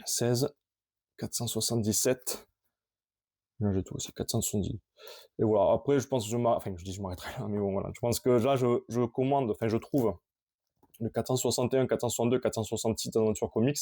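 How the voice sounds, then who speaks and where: Showing off his collection on camera, a man rambles casually, halting and restarting often. His voice is mid-range, steady, and mellow.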